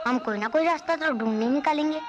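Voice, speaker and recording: A woman playing a kind, sheltered young prince who speaks gently and reassuringly in a 1990s film. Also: high-pitched, fast, dull audio, over music, natural voice.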